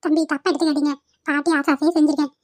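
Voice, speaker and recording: A woman's voice: high-pitched, little pitch movement, rapid-fire, darkish tone, natural voice. Woman voicing a coaxing old cartoon granny. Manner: coaxing, affectionate. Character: kindly old grandmother cook, coaxing.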